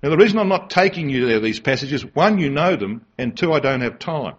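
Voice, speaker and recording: A man's voice: medium pitch, lively intonation, a little fast, slightly rough. A man preaching a sermon to a congregation. He speaks emphatically and keeps asking rhetorical tag questions. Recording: dull lo-fi recording.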